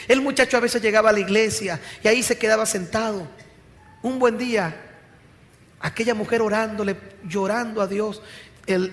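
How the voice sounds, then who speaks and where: A male pastor preaching a sermon, telling a story, rising to loud emphasis and dropping to hushed passages. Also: high-pitched. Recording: long hall reverb.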